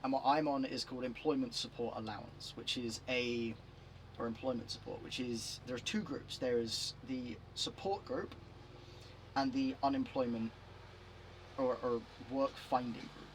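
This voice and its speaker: A man's voice: mid-range voice, fairly even intonation, normal speed, slight background noise, poor audio. A young man streaming from home, chatting casually and rambling with lots of restarts and chuckles. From England. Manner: rambling, self-interrupting, chuckles often. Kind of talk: casual live-stream chat while gaming.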